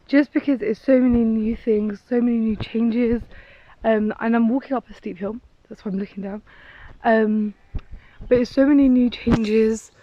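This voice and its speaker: A woman's voice: on the high side, lo-fi sound. A woman in her twenties chatting casually for a vlog while walking up a steep hill outdoors, rambling with lots of "like", recorded on a handheld phone. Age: 20s. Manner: chatty and rambling, heavy use of "like". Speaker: vlogger.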